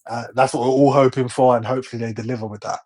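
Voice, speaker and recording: A man's voice: medium pitch, steady tone, rapid-fire, darkish tone. A young man hosting a gaming podcast, chatting in an easygoing way with frequent chuckles. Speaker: podcast host. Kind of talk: casual chat.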